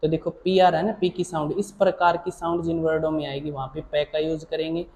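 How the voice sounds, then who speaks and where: A male shorthand teacher explains his lesson in a mellow, soft-edged, middling-pitched voice with a level tone. Patient and repetitive, he often pauses to check that students follow and fondly calls them child or dear. The audio is poor, with a faint hiss underneath.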